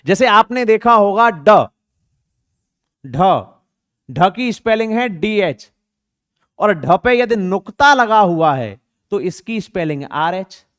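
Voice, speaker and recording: A man's voice: high-pitched, expressive, unhurried, fairly bright tone, clear, resonant tone, dry recording, studio quality. A man teaching an exam-prep grammar lesson, asking rhetorical questions and repeating words to show pronunciation.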